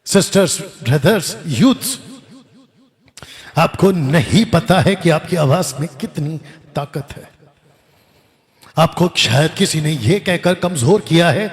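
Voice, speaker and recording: A man's voice: fairly high pitch, lively intonation, takes it slowly, pauses often. A middle-aged man preaching a fervent, exhorting sermon at a conference in a large hall. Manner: fervent, exhorting, repeats "come on". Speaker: pastor. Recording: long hall reverb.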